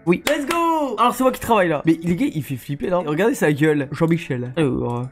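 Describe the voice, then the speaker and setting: A man's voice: a little high, expressive, fast talker, faint music behind. Stuffy-nosed man chatting through a game. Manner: chatty, addresses chat as "les gars". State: congested, nasal from a cold. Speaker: streamer. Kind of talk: casual gaming commentary.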